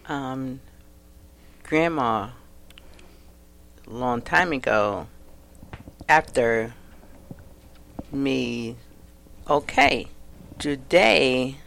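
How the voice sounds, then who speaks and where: Woman, very deep and very slow, gravelly, one word at a time. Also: expressive, a bit bright. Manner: halting, speaks in single words, struggles to find words. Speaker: group member.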